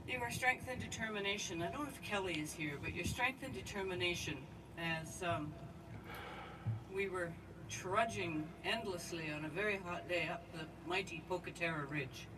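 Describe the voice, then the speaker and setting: A woman giving a memorial eulogy at an outdoor gathering, speaking straight to her departed friend with heartfelt warmth. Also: fairly low pitch, moderate pace. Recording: distant mic with outdoor noise.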